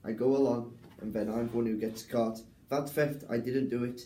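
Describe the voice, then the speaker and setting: A man's voice: medium pitch, steady tone, moderate pace, warm tone, slight background noise, natural voice. A young man playing a meek Irish convict in a class rehearsal, with a wavering put-on Irish accent, rambling and apologetic. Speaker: drama student. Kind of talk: rehearsed stage reading. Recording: roomy echo.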